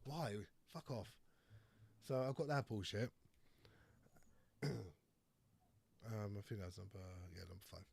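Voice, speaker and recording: A man hosting a podcast in casual chat, swearing often, ranting and clearing his throat. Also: lowish voice, expressive, unhurried, pauses often, darkish tone. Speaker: podcast host.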